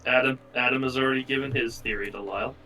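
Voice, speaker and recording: A man playing a tabletop game over voice chat, animated and quick to react. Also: mid-range voice. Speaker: player. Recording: voice from far off the mic.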